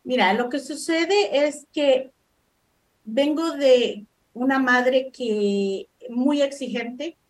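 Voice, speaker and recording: A middle-aged woman from El Salvador, a life coach answering interview questions modestly, with frequent hesitations. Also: high voice. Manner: modest, hesitant with many fillers.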